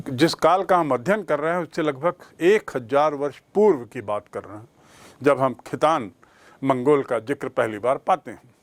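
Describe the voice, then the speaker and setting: A man teaching a history lesson, explaining slowly and repeating key terms for his students. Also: fairly high pitch, no room sound. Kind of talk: classroom history lecture.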